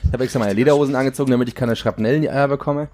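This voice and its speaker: A man's voice: mid-range voice, steady tone, rapid-fire, a little mellow. A man chatting casually while cooking with friends, telling a rambling, playful story.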